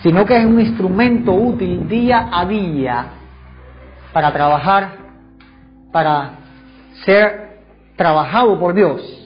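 A man's voice: high-pitched, slow, long pauses. A man preaching a sermon to a congregation in church, fervent and full of rhetorical questions. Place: church service before a congregation. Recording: dull lo-fi sound, faint music behind.

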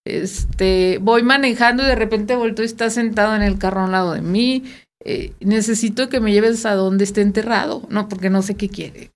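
A woman's voice: medium pitch, fairly even intonation. Mexican woman chatting casually. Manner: conversational, quick short interjections. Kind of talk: casual conversation.

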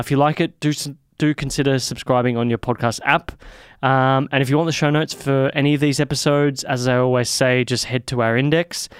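Chatty podcast host, smooth voice. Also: male voice, medium pitch, no echo, studio quality. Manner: chatty, friendly, restarts often. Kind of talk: casual podcast chat.

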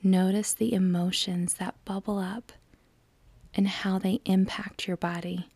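A woman's barely-above-a-whisper voice, soft and breathy, carries a guided meditation delivered very slowly and calmly, with long pauses between phrases. The tone remains mellow and level with little pitch movement, recorded dry.

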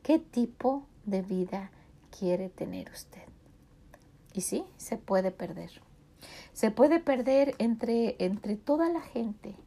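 A middle-aged woman with a Mexican Spanish accent gives a devotional sermon in a warm, mellow, medium-pitched voice with some vocal fry. Speaking slowly and expressively, she addresses the listener earnestly and presses them with direct rhetorical questions.

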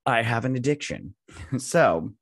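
A man's voice: mid-range voice, sing-song, a little slow, creaky, no echo, clean studio sound. A drunk man co-hosting a podcast in casual boozy banter, giggly and rambling, with a rowdy, exasperated manner and swearing. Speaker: podcast co-host.

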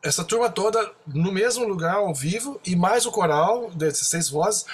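Brazilian percussionist guest, Brazilian Portuguese accent, high husky voice, animated storyteller. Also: male voice, moderate pace. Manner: excited, animated anecdote telling with slangy asides. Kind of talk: storytelling in a podcast interview.

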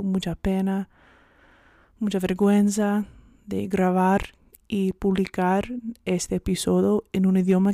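Her voice gravelly yet mellow and medium in pitch, a woman who speaks English as her first language hosts her personal devotional podcast. She comes across earnest and slightly self-conscious, at times whispering, in a dry, clean studio recording.

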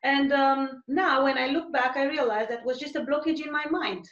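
A woman's voice: sits high, moderate pace, a bit bright. A woman host with a non-native accent, encouraging and reflective in a casual interview. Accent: foreign, non-native English. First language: not English. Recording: echoey, dull lo-fi sound.

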